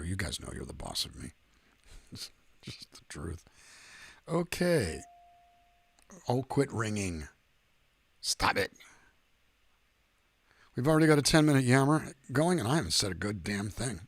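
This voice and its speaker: A man's voice: fairly low pitch, big pitch swings, unhurried, pauses often, a bit bright, husky, dry recording. A middle-aged man, a singer-songwriter hosting a livestream, chatting casually in a rambling, self-deprecating, joking way.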